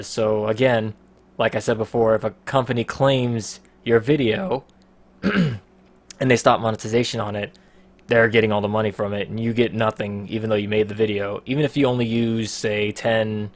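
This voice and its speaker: A man hosts a casual podcast in an easygoing, rambling way. He swears freely and laughs often as he talks. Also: fairly low pitch. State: out of breath. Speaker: podcast host.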